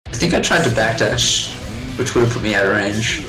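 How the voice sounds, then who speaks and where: Chatty male co-caster with a bouncy, lively voice, game music loud behind. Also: fairly low pitch, rough recording. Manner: easygoing, chatty, quick to laugh. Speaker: esports commentator. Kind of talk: casual co-commentary.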